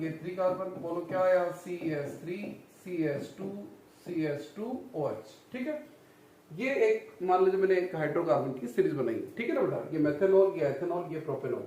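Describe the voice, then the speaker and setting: This chemistry lecture features a man with a high, darkish voice who keeps quizzing his class and refers to the students as "children" and "son." He's off-mic and distant, in a very echoey space.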